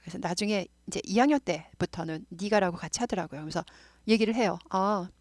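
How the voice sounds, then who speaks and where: Middle-aged woman tutor with a Seoul accent, mid-pitched, talkative and repetitive, dry recording. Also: a little fast, dry recording. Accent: Seoul Korean. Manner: chatty, explains with repetition and asides. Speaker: English teacher. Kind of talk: casual grammar lesson.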